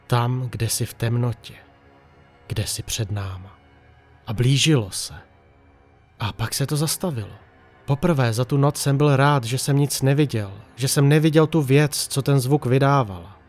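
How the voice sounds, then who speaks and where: A man narrates a first-person horror story in a hushed, tense manner. His voice sits at an ordinary pitch. Faint music plays underneath.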